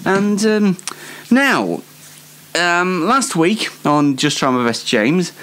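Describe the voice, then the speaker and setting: High-voiced and fairly bright, this man takes his time, his pitch swinging a lot. As host of a solo show, he offers the audience a laid-back comedic monologue that wanders hesitantly and pokes fun at himself.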